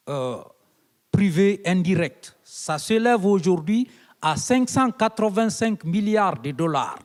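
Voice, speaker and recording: At a conference, a Guinean man invited as guest speaker talks slowly and deliberately, his fairly high voice with a darkish tone building into forceful, oratorical appeals. A long reverb from the hall trails the sound.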